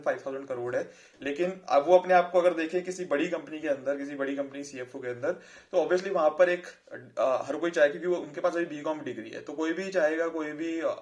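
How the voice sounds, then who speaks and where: A man giving casual career advice to his viewers, chatty and repetitive. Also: a little high. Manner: chatty, repeats fillers like "theek hai". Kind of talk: casual advice talk to camera.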